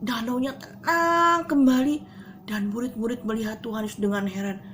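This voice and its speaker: A woman speaking at a school chapel, telling children a Bible story in an animated way and talking straight to them. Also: on the high side, moderate pace, slight background noise. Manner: swings between soft hushed asides and loud excited bursts.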